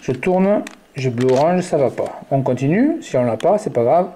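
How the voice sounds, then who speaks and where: A man's voice: mid-range voice, lively intonation, normal speed, noisy background. A man giving a step-by-step puzzle tutorial, muttering the colors and moves aloud as he works.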